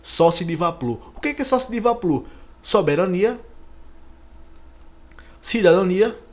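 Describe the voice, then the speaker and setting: A fairly high-voiced man with a Brazilian Portuguese accent walks students through exam questions. He is lively, stretches out key words and keeps checking that the class follows. His delivery is that of a teacher working through a practice test. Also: measured pace.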